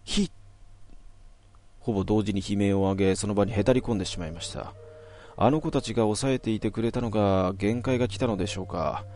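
A man narrating a horror story from his own past in a measured, suspenseful way. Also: on the low side, a little mellow, slight background noise.

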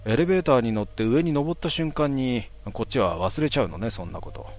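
A man telling a ghost story in a hushed voice, with drawn-out words and dramatic pauses. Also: mid-range voice, lively intonation.

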